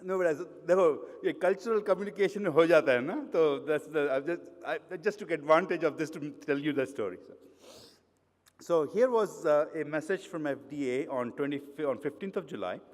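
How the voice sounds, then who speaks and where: Speaking a bit quickly in a slightly high voice, this middle-aged Indian-accented man delivers a chatty talk at a hotel conference hall. He leans on fillers and keeps restarting his sentences, while the room's long reverb trails behind him.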